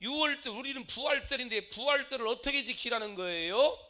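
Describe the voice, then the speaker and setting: A middle-aged male pastor giving a dramatic sermon, acting out angry quarrels and swinging between loud and quiet. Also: very high voice, brisk.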